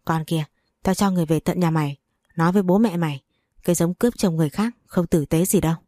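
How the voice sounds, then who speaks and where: A woman's voice: on the low side, quick pace, warm tone, dry recording, studio quality, natural voice. A woman voicing a furious, betrayed wife who curses and scolds harshly.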